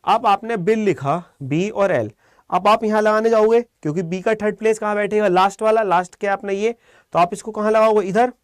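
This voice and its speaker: A man teaching a live online shorthand class, calm and encouraging, quizzing students by name. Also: sits high, brisk, clear, resonant tone, dry recording, studio quality.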